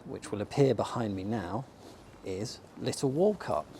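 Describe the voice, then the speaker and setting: An animated Englishman with a lowish, mellow voice talks at a measured pace, though he's slightly losing his voice. As a bookshop owner and vlogger, he chats enthusiastically with frequent ums while filming himself on a handheld camera walking up a sunny outdoor shopping street for a casual walking-tour vlog. There's slight background noise and faint street ambience.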